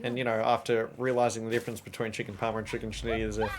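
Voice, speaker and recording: A man's voice: fairly low pitch, level tone, very fast. A young man with a light Australian accent, chatting casually and joking as he streams a game. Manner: chatty, joking, laughs often, slang-heavy. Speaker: gaming streamer. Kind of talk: casual live-stream commentary.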